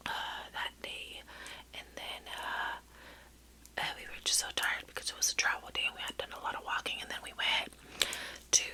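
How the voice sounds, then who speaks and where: A middle-aged woman whispering a rambling, hesitant ASMR story close to the mic while chewing gum. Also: low-quality recording. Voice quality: soft unvoiced whisper. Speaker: ASMR vlogger.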